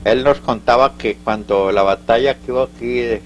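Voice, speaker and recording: In a dull-sounding recording with a bit of hiss or hum, an older man speaks in Colombian Paisa Spanish at medium pitch. Sharing local stories for an oral history interview, he wanders, stops, restarts, and drifts into asides.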